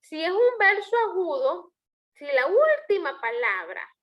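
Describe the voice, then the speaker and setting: A woman's voice: very high-pitched, sing-song, unhurried, lo-fi sound. A woman teaching a poetry lesson, explaining step by step and asking her students questions. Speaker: language teacher. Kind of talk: online class lecture.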